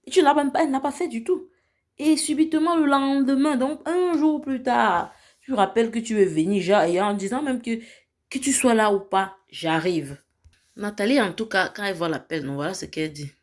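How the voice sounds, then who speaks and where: A woman vlogger recaps a reality show in a casual, storytelling way, acting out the people she retells and dropping into English phrases. Her voice is fairly high and she speaks at normal speed.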